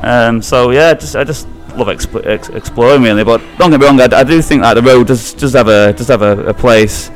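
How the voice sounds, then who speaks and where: A man with a northern English, British accent gives casual podcast answers. He speaks at a medium pitch, doubling back on words, with faint music behind him. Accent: northern English, Greater Manchester. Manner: halting, repeats words, says "you know". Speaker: podcast guest, runner.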